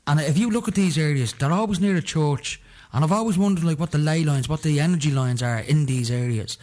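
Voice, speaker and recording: Fast-talking Dublin man hosting radio. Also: fairly high pitch, darkish tone. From Ireland. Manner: rambling, conversational, many fillers. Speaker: radio show host. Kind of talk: casual radio chat.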